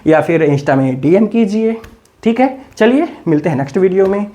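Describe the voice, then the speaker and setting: A man's voice: high voice, big pitch swings, normal speed, mellow. A man teaching an English grammar lesson, talking casually to his viewers and drilling examples by repeating them with emphasis. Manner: addresses listeners casually as brother.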